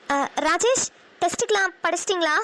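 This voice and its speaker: A woman voicing a gentle, lovestruck young elder sister in a cartoon, soft and coaxing, with a Namakkal Tamil accent. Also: very high-pitched, brisk. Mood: sweet. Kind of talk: cartoon voice acting.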